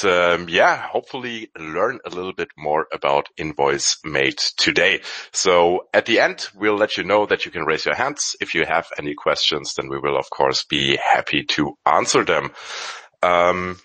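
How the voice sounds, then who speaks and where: A man hosting a casual online audio chat, relaxed and friendly, talking with some fillers. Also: deep voice, no echo. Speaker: host.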